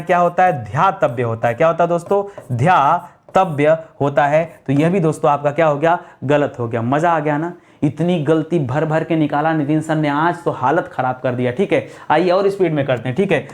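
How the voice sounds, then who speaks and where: A man teaching an exam-prep spelling lesson, repeatedly quizzing his students with questions. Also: a little high. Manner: repetitive quiz-style questions to students. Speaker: Hindi teacher.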